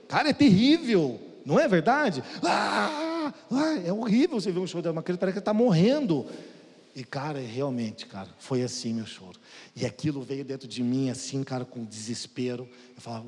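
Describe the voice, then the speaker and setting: In a hall with long reverb, a man delivers an emotional testimony sermon to his congregation, his voice a little high. He swings between loud and soft and often calls out to his brothers.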